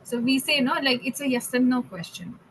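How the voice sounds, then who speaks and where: High-voiced woman teaching a language class. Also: a bit bright, slight background noise, low-quality recording. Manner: mixes English and German, stresses words slowly, frequent "okay?" checks.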